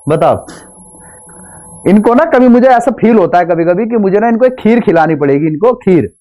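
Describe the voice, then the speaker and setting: A man's voice: high voice, animated, normal speed, warm tone. A man teaching English grammar in an online exam-prep class, speaking mixed with English, teasing and playfully scolding his students, repeating rules and asking them to say yes. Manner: repeats points, asks students to answer yes.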